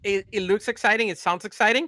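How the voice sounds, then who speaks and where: A man hosts a casual round-table chat, bright and a touch higher than most men. He is blunt and swears freely. He sounds dry and close on the mic. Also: steady tone, quick pace, no room sound. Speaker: podcast host.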